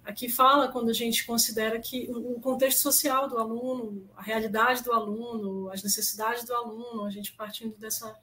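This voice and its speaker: A woman moderating an online seminar, talking quickly with some hesitation and inviting the audience to speak. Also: on the high side, fairly even intonation, sharp tone, slight background noise, rough recording. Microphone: video call.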